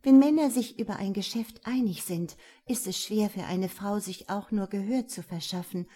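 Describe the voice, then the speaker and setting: A woman reading a young noblewoman's lines in an audiobook, urgent and sometimes hushed. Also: mid-range voice, moderate pace, husky, lightly acted. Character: young noblewoman, guarded and clever.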